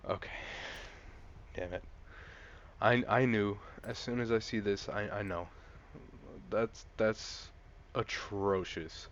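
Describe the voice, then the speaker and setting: A young man giving casual, rambling gameplay commentary, an excitable car enthusiast talking through a car he's trying out. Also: on the low side, slow pace, pauses often, lo-fi sound, a little hiss or hum. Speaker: gaming channel host.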